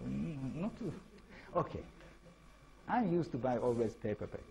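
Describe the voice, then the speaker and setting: An Israeli author gives an informal lecture in English with an Israeli accent, repeatedly asking his audience rhetorical questions. His gravelly, dark-toned voice is mid-range and very animated, moving a little slowly, and the recording is rough.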